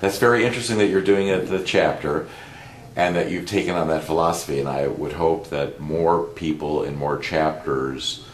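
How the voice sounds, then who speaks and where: A man hosting an interview, speaking in a measured, encouraging way with frequent backchannel replies. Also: rumbling low, reverberant, a little hiss or hum. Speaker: interview host. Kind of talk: interview questions.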